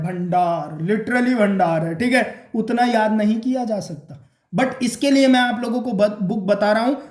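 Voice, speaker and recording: Man tutoring in an echoey room. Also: very high-pitched. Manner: keeps checking in with "okay?" and "clear?"; repeats points, addresses viewers as guys and friends. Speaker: exam prep tutor. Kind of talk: casual exam-prep lesson to camera.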